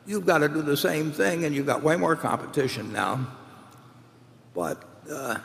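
An older man with a deeply gravelly voice answers audience questions from a table on stage. He rambles, restarting sentences and filling gaps with "uh", and his words ring out across a large reverberant hall with a faint hum of ambience. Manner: rambling with many restarts and uh fillers. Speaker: chairman answering shareholder questions. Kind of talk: unscripted Q&A answers.

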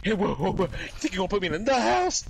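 A man's voice: sits high, sing-song, quick pace, gravelly, over a noisy crowd. A young man in casual chat while gaming, teasing and laughing and swearing often. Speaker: gamer.

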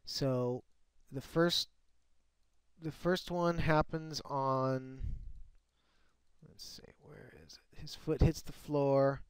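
A man walking through a screen-recorded software tutorial, often restarting and repeating words as he explains. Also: on the high side, fairly even intonation, slow, smooth, dry recording. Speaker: software developer demonstrating his tool.

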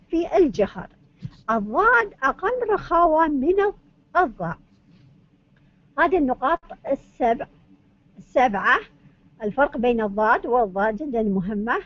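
A woman's voice: high-pitched, very animated, moderate pace, pauses often, dry recording. Woman lecturing methodically. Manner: methodical, asks and answers her own questions. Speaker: university lecturer. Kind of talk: academic lecture on Arabic phonetics. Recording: dull lo-fi recording.

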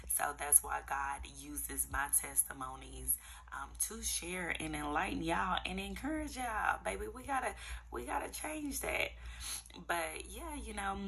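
A young woman with a low-pitched voice full of vocal fry shares casual faith encouragement. She speaks earnestly and conversationally, repeating words for emphasis, and her tone has a bright, forward edge. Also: a little hiss or hum. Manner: conversational, earnest, emphatic repetition, addresses listeners as y'all. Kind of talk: casual devotional encouragement vlog.

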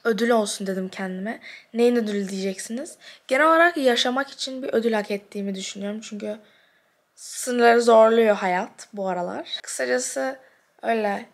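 A woman's voice: a little high, a little fast. A young woman vlogging in casual chat to the camera, blunt and self-mocking, swearing freely as she rambles about her day. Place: at home and out and about.

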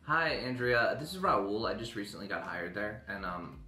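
A man's voice: on the low side, moderate pace, bright, forceful tone, echoey room, soft background music. A young adult man making casual prank calls, delivering absurd excuses in an earnest, apologetic way. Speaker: prank caller. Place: dining room at home.

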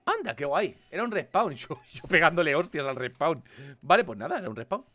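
A man with a Spain Spanish accent commenting on a game he plays, animated and swearing, with mock-dramatic outbursts. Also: fairly high pitch, a little fast. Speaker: gaming video host. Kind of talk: casual gameplay commentary.

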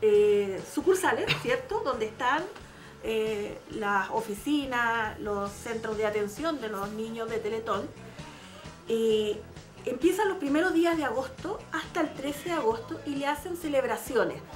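High-voiced woman presenter. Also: measured pace, faint music behind. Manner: lively, asks the others questions. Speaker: co-host. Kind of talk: casual TV panel chat.

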